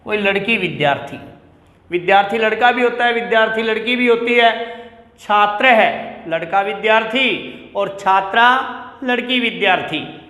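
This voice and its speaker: A man teaching a Sanskrit lesson to children, slowly saying each word and repeating it for the pupils. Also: high voice, bright, forceful tone. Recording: echoey room with long reverb.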